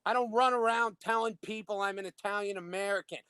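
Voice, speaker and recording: Indignant man with a high, dry voice. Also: steady tone, fast, a bit bright, clean tone, dry recording. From Illinois. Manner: emphatic, indignant. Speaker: show host. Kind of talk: heated political discussion.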